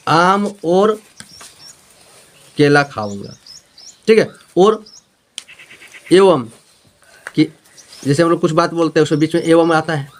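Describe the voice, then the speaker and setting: A man teaching a Hindi grammar lesson with a Jharkhand accent, repeating points and checking if students follow. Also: a little high. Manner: repetitive, explaining with homely examples and checking questions.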